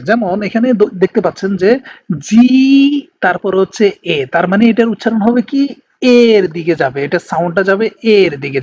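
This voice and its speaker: A man from Bangladesh with a Bangladeshi Bengali accent, teaching an online language lesson in a patient, explanatory way and slowing down to spell out words. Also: high voice, a little mellow. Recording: slightly dull lo-fi recording with faint background noise.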